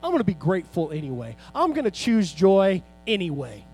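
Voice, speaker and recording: A middle-aged man preaching a sermon as pastor in a church, building to loud, fervent peaks and then dropping low and soft. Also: wildly swooping pitch, fairly quick, faint music behind. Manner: preaching with rising shouts and sudden soft drops. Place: church sanctuary.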